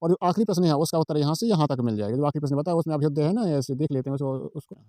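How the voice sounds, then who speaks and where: A man's voice: fairly high pitch, very fast, dark tone, no echo, clean studio sound. A man giving an informal exam-prep tutorial. He repeats himself, asks his own questions and answers them, and points along a page line by line. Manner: walks through a page, pointing at lines.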